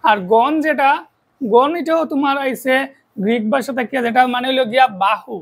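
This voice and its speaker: A woman with a Sylheti accent gives a math lesson for a video, with a high, slightly husky voice. She breaks each idea into small steps and keeps asking her students questions before answering them herself. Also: normal speed, low-quality recording. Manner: explains step by step, keeps checking with rhetorical questions. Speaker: math teacher.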